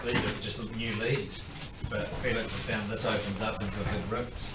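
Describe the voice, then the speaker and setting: A man, a caver chatting casually and explaining the routes ahead while exploring deep inside a cave. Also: steady tone, moderate pace. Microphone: action camera carried in the cave. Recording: echoey cave, far from mic, loud noise.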